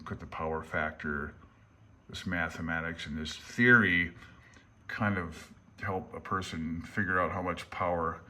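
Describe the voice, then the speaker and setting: Here an amateur radio hobbyist and vlogger, low-pitched with a sharp tone, pages through a handbook. His commentary is casual and rambling, plain-spoken and self-deprecating, and he speaks as a hobbyist rather than an expert.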